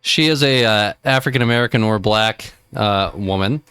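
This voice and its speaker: Low smooth-voiced man commentating. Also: moderate pace, fairly bright tone, dry recording. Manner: rambling, talks over the clip with asides. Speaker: reaction video host. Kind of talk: casual commentary.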